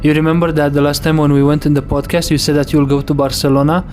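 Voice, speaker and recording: A man from Romania co-hosting a comedy podcast, easygoing and quick to laugh. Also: fairly high pitch, flat delivery, a little mellow, slight background noise. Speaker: podcast co-host. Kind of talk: casual chat.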